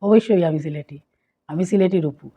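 This Sylheti-accented woman from Sylhet, Bangladesh, has a warm, lowish voice and a slightly fast delivery. She vlogs casually, running through dialect words and their local versions in a repetitive list. The sound quality is dull.

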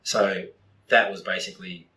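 Forties New Zealand man, lowish bright voice, blunt and sweary podcast guest telling it straight. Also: steady tone, moderate pace, a little hiss or hum, poor audio. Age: 40s. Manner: blunt, heavy swearing, candid storytelling. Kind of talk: casual podcast interview.

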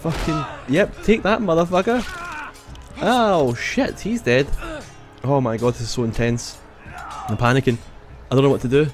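A man giving sweary let's play commentary, reacting loudly to the game. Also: medium pitch, moderate pace. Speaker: gaming YouTuber. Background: game music.

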